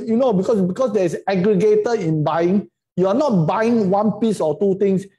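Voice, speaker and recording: A man's voice: high-pitched, mellow. A middle-aged Singaporean man giving an informal online lecture in colloquial Singlish, emphatic and full of rhetorical questions and tag words. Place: indoors, on a video call.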